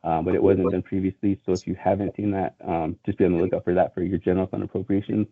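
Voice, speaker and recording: A man presenting his office's work in a webinar, talking quickly with many fillers. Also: low voice, flat delivery, husky, no echo. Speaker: state agency presenter. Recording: tinny phone-like line.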